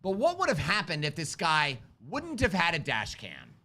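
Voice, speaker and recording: His voice is a little high with wildly swooping pitch, normal speed, bright and forceful. The man, a firearms instructor, runs a relaxed live stream where he fields viewer questions, spins animated stories, asks rhetorical questions and chats with his children.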